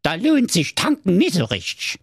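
Man putting on a high grumpy evil dwarf. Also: wildly swooping pitch, normal speed, vocal fry, slightly rough, no echo, clean studio sound, exaggerated voice. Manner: grumbling, sly.

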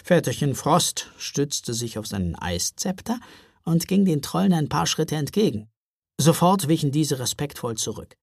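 A woman narrating a children's storybook in a lively, expressive way. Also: low-pitched, moderate pace, dry recording, clean studio sound. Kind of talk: storybook reading.

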